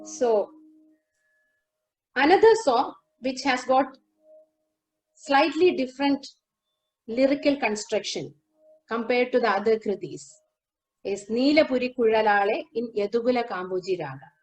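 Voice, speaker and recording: A woman giving a lecture demonstration over a video call, explaining song lyrics line by line and singing a few verses slowly. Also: on the high side, a little mellow, rough recording. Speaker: lecturer on Carnatic music. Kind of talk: lecture demonstration with sung lines.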